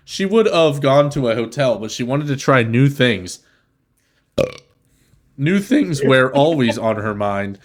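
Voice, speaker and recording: A man reading amateur fan fiction aloud for laughs on a podcast. He moves steadily through the narration, then stops to mock the spelling and grammar. His voice sits in an ordinary middle pitch. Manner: sardonic asides, laughing interruptions. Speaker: podcast host.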